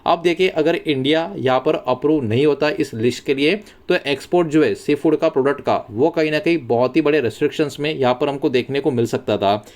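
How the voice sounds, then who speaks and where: In a casual explainer monologue, a man hosting a stock market news channel walks through the news in a conversational tone. His voice is a little high and a little mellow, fairly quick with few pauses, and he repeats phrases and often mixes English words into his Hindi.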